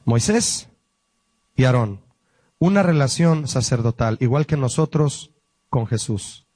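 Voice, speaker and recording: A man, a pastor, teaching a Bible study lesson, explaining word meanings slowly and asking the listeners questions. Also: mid-range voice, expressive, a little mellow, dry recording.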